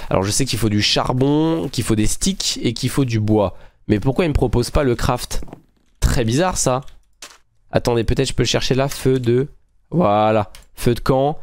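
A man's voice: medium pitch, normal speed, darkish tone, no room sound. Chatty man narrating his gameplay. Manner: chatty, thinking aloud while building; friendly, addresses viewers directly. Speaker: gaming channel host. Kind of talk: casual gameplay commentary.

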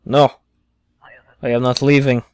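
A man putting on a loud, boastful, stubborn male traveler from a video game, speaking in broken English. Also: mid-range voice, flat delivery, unhurried, clean tone, natural voice. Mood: defiant.

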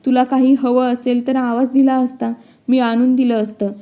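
A woman's voice: high-pitched, level tone, normal speed, mellow. A woman voicing a meek grown son who pleads with his mother. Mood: pleading. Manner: pleading reading.

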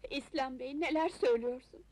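Actress as high-voiced, lovesick Ottoman maiden. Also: fairly quick, a little mellow, no room sound, natural voice. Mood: anguished, pleading. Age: young adult. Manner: plaintive, dramatic. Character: lovesick, modest young Ottoman maiden, anguished and devoted. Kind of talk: old Turkish film melodrama acting. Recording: old film soundtrack with music. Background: film music.

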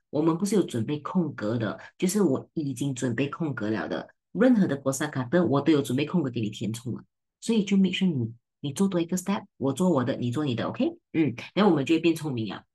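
Teasing and brisk, a woman with a Malaysian Mandarin accent tutors an online seminar while blending English and Malay into her speech. She sounds low, expressive and husky, with a dark tone.

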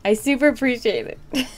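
A woman chatting casually on a game live stream as a VTuber, with a cute, bubbly anime-streamer delivery. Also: high voice. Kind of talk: casual live-stream chat while gaming.

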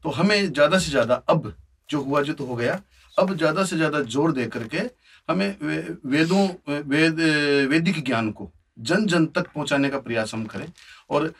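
Hesitant gravelly man, distant. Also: a little high, animated, moderate pace. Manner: hesitant, many fillers. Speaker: saint at a religious gathering. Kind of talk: discussion talk.

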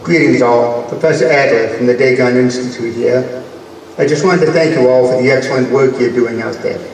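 A man's voice: mid-range voice, slight background noise, natural voice. A man playing a weary, wisecracking male space professor with dry, sardonic quips, performed live on a convention stage. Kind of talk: live stage radio-play acting. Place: large convention hall stage. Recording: echoey hall, distant mic.

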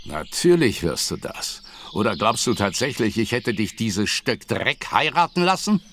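In a German audio drama, an actor plays an imperious, cruel, middle-aged aristocratic father, issuing scornful commands with contemptuous anger and domineering force. His lowish, fairly bright voice swings widely in pitch at a measured pace, exaggerated in delivery, with a little hiss or hum in the background.

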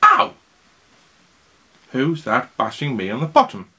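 A man's voice: fairly low pitch, unhurried, creaky, fairly bright tone. A man reading a children's storybook aloud, voicing a friendly polar bear.

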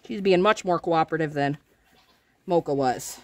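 A woman's voice: low voice, normal speed, darkish tone. A woman in her thirties casually narrating farm chores, explaining each step in a chatty, practical way, filmed on a handheld phone around a barn. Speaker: homestead vlogger. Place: barn and farmyard outdoors. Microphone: handheld phone camera.

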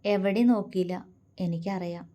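A woman's voice: fairly high pitch, moderate pace, lightly acted. A woman voicing a tender, protective young man who coaxes and comforts his lover. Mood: hushed sad. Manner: soft, affectionate, coaxing.

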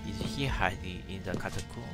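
An actor voicing a stern knight in a video game, terse and sober, with a gravelly voice. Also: male voice, sits low, brisk. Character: stern male knight questioning an ally. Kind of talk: video game character dialogue. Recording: music behind the voice.

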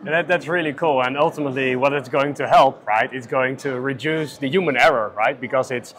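A man's voice: medium pitch, brisk, a bit bright. Man in his 30s, upbeat promotional interviewer, lapel mic, trade-fair booth. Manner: upbeat, promotional, many "right?" tags.

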